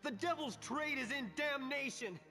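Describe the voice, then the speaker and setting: An actress playing an outraged, defiant hero in a video game, with a forceful, indignant, declamatory delivery. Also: female voice, high voice, moderate pace, natural voice. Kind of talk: dramatic video game voice acting. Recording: long reverb, game music behind.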